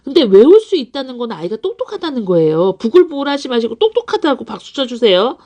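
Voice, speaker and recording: A woman hosts a live stream for parents about children's English learning. She talks in a casual, animated way, her pitch swinging widely, and she laughs often as she acts out little scenes. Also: fast, lo-fi sound. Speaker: English academy director hosting a live stream. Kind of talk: live-stream talk answering parents' questions.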